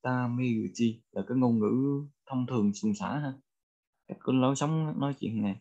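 A man with a Vietnamese accent teaching a bilingual vocabulary lesson, repeating each phrase slowly for learners. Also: mid-range voice, dark tone, highs cut off. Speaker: language teacher.

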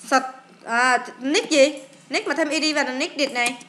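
Bright high-voiced Vietnamese woman teacher. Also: moderate pace, slight background noise. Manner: lively, coaxing, asks questions and answers them herself. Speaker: English teacher. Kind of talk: classroom-style lesson explaining an exam.

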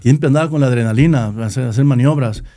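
A man's voice: medium pitch, fast, dark tone, dry recording, clean studio sound. A middle-aged man with a Nayarit Mexican Spanish accent, founder of a band, telling his story in a casual interview, rambling and repeating words.

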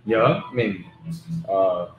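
A man teaching English pronunciation in a casual video lesson, repeating example words slowly and with emphasis. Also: low-pitched, animated, narrow, tinny audio, over music. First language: not Vietnamese. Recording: roomy with faint background noise.

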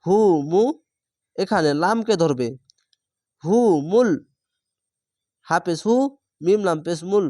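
A man's voice: sits high, a little slow, a little mellow, no room sound, clean studio sound. A man teaching Quran reading, spelling out each syllable and then drawing out the joined word. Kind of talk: slow spelled-out Quran recitation lesson.

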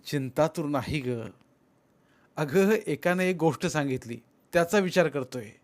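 A man's voice: on the high side, unhurried, lightly acted. A man reading an audiobook and voicing a troubled young husband who gives evasive, brooding replies. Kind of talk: audiobook character voice.

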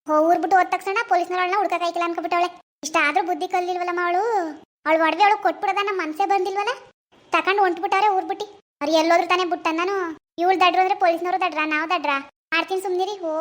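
A woman voicing an angry, bossy village woman who scolds and threatens indignantly in an animated village drama. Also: very high voice.

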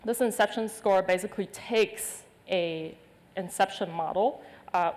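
Woman keynote speaker, lowish voice, hesitant delivery with fillers, reverberant hall. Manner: hesitant, many fillers and restarts. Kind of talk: conference presentation. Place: large conference stage with audience.

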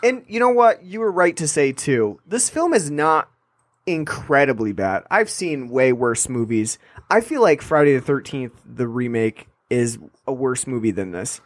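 Here a man with a medium-pitched, animated voice co-hosts a podcast, recorded with no room sound. His casual film review wanders, packed with fillers, sarcasm, and rapid impressions.

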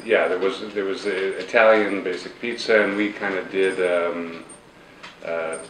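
Very deep-voiced man, hesitant. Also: steady tone, unhurried, fairly bright tone, roomy sound, distant mic, a little hiss or hum, rough recording. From Boston area, USA. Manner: hesitant, many fillers. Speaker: guest, food truck owner. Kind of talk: casual chat.

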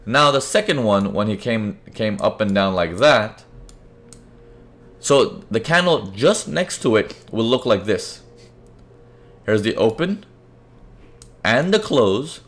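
A man with a fairly low voice walks webinar viewers through price charts in a relaxed, conversational way. He keeps asking if they follow along. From Indian parents, raised in several countries. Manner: conversational, checks in with the audience often. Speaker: forex trading webinar presenter. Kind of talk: live webinar teaching with chat questions.

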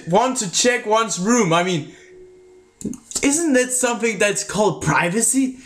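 High, slow-talking male reviewer; casual, halting, self-correcting delivery with a half-American, half-British sound. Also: fairly bright tone. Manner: halting, restarts sentences often. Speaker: video reviewer. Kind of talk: casual spoken video review.

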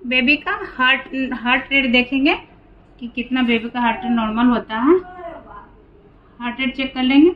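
A woman with a fairly high voice walks through a hands-on medical demonstration, explaining each step plainly and patiently. The audio is slightly dull and lo-fi, with a faint hiss behind her. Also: fairly even intonation, moderate pace, pauses often, roomy sound.

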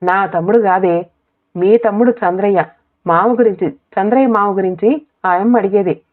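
A practical young working-class woman speaks firmly and to the point, as a woman narrator puts her on. She talks loudly and plainly. The recording is narrow and tinny. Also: medium pitch, unhurried, natural voice. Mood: matter-of-fact. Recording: tinny phone-like audio.

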